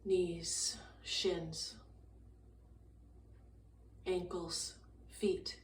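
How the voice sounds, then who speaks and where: Speaking very slowly in short, soothing phrases separated by long silences, a woman with a slightly low voice calmly and gently guides a meditation. The recording picks up roomy echo and faint noise, as though the mic is placed some way from her.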